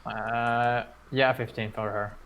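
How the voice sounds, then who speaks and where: A man's voice: medium pitch, little pitch movement, takes it slowly, dull audio, slight background noise. A young man playing a tabletop game, chatting casually with loose phrasing. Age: young adult. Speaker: player. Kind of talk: casual chat.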